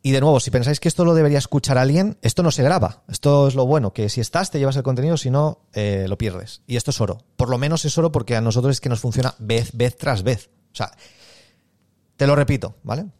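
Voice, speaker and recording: A man's voice: mid-range voice, a little mellow, no echo, clean studio sound. A man giving a live online sales lesson, talking casually to listeners and acting out example sales conversations. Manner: conversational, acts out sales dialogues with pauses. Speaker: sales trainer. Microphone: close microphone.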